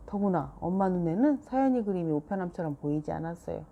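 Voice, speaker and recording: A woman narrating a children's storybook aloud in a calm, even manner. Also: fairly low pitch, quick pace, gravelly, dull audio. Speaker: storybook reader. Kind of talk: children's book read-aloud.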